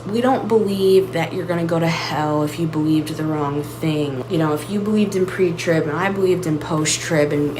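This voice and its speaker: A woman hosting her own channel, musing aloud in a searching, reflective solo monologue full of restarts and "like"s. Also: on the low side. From United States. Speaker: channel host. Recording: audible background noise.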